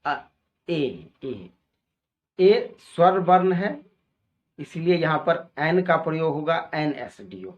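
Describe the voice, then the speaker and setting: Male language teacher, slightly high voice, very slow, careful delivery, dull lo-fi recording. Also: big pitch swings. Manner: slow, deliberate, spells out examples. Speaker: English teacher. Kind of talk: explanatory lesson in Hindi.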